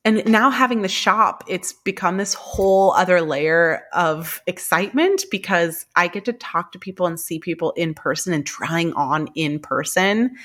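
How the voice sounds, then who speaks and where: Woman interview guest, lower pitch, eager and rambling, lots of fillers. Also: fairly bright tone. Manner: enthusiastic, rambling, frequent fillers and laughs. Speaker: guest, secondhand clothing reseller. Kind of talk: casual interview chat.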